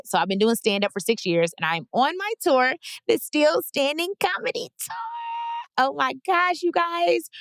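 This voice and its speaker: A woman's voice: mid-range voice, no echo, clean studio sound. A woman, hosting her podcast in a playful, hyped, slangy solo chat. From Dallas, Texas. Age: 30s. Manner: playful, hyped self-promotion with slangy asides. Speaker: podcast host.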